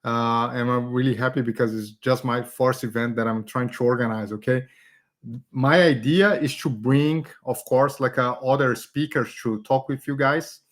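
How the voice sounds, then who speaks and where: A man's voice: mid-range voice, normal speed. Chatty Brazilian-raised man hosting workshop. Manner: chatty, many fillers and "okay?" tags. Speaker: community event host teaching design. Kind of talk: casual live online workshop.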